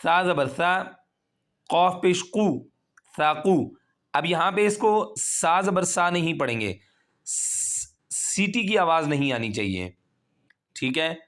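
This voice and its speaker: A man teaching Quran recitation, spelling words out slowly syllable by syllable and then explaining the rules briskly. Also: a little high, animated, fairly bright tone. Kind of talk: slow spelled-out tajweed drill with quick explanations.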